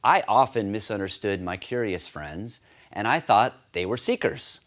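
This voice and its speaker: A man giving a scripted teaching talk on sharing faith, earnest and steady, lifting his voice when he acts out quoted lines. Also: on the low side, moderate pace. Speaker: campus ministry teacher.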